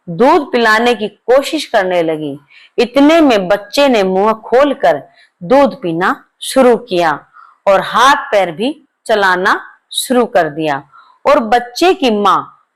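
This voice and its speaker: Slow woman telling a devotional story. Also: medium pitch. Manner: slow, repetitive retelling.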